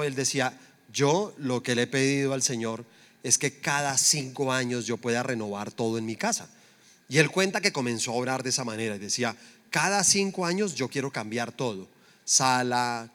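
A man's voice: mid-range voice, fairly bright tone. A middle-aged man preaching a conversational sermon, full of rhetorical questions to the congregation. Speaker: pastor.

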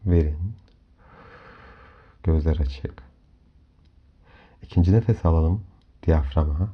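A man hosting a guided hypnomeditation in a calm, soft, soothing voice, giving measured instructions with long pauses. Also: very deep voice. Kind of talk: slow guided meditation narration. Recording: dull lo-fi audio under music. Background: clear background music.

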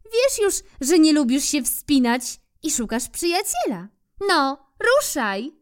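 An eager little squirrel who never gives up on climbing, chirping high and coaxing with big swoops of pitch, as a woman puts her on for a storybook reading. She speaks slowly and sweetly, well up in her register. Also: very animated, exaggerated voice. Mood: encouraging.

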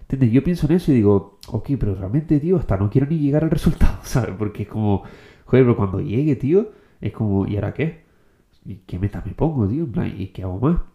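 A young man from the Canary Islands giving a casual motivational monologue, slangy and quick, forever dropping "tío" and "bro". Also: medium pitch, expressive, dark tone, muffled recording. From Canary Islands, Spain. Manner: slangy, fast, keeps saying "tío" and "bro". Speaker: motivational content creator.

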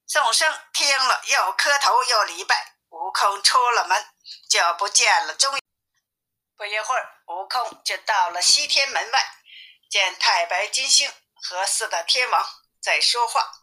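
A woman narrating a simplified classic tale for an audiobook, reading clearly and expressively. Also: medium pitch, lively intonation, unhurried, bright, forceful tone, low-quality recording. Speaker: storyteller.

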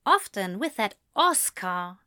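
A woman's voice: mid-range voice, slow, smooth, dry recording, clean studio sound, full character voice. A woman voicing a chatty, gossipy motherly cook. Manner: gossipy, lively and confiding.

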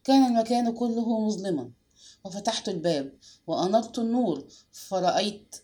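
A woman reading aloud and voicing a frightened young man accused of murder, in a low, strained and sullen way. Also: expressive, brisk, mellow, natural voice. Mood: tense, sullen.

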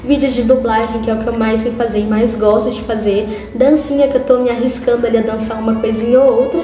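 A woman's voice: fairly high pitch, steady tone, fast talker, dark tone, echoey room, soft background music, rough recording. A woman in her twenties with a Brazilian Portuguese accent, a YouTuber guest talking in a friendly way and using lots of diminutives. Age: 20s. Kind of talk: casual podcast interview.

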